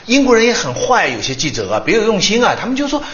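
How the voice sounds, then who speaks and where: A man on a studio talk panel with a high, very lively voice, retelling stories expressively and with plenty of animation. The room adds a noticeable echo, and the sound is somewhat dull. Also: fast talker. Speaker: talk show commentator. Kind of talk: studio talk show discussion.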